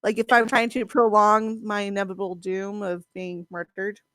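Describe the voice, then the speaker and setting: A woman's voice: mid-range voice, little pitch movement, normal speed, fairly bright tone, no room sound. Woman regular on a group voice chat, dry close sound, easygoing swearer. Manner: laughs often, swears casually. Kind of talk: casual chat.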